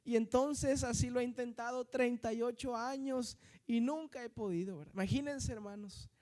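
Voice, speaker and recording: High-voiced northern Mexican preacher. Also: male voice, moderate pace, a little mellow. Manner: conversational preaching, constant tag questions and addressing the brethren. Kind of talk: sermon.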